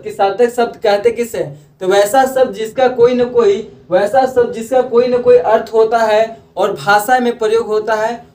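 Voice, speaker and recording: Heard from well away from the microphone in an echoey room, a male grammar teacher talks in an extremely high, slightly mellow voice. His classroom explanation is loose and repetitive, full of restarted sentences, repeated phrases, and frequent self-corrections.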